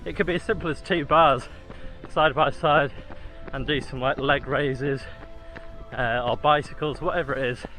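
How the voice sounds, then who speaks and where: A man's voice: mid-range voice, steady tone, normal speed, bright, forceful tone, faint music behind, low-quality recording. A man chatting casually to his viewers while he jogs outdoors. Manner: talking while jogging. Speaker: running vlogger. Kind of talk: casual vlog talk to viewers. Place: outdoors, on a run.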